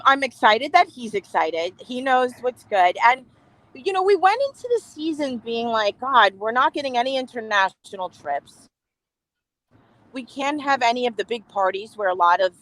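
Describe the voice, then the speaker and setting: A female reality TV cast member is a guest in a casual chat interview conducted over a remote video call with a bad connection. Emphatic and quick to laugh, she sounds animated in a slightly high, fairly bright voice at normal speed. The audio quality is poor.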